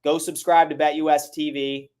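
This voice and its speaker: Hurried man hosting a sports livestream, clear voice. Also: on the high side, flat delivery, darkish tone. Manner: hurried, urgent, addressing viewers directly. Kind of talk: casual livestream chat with viewers.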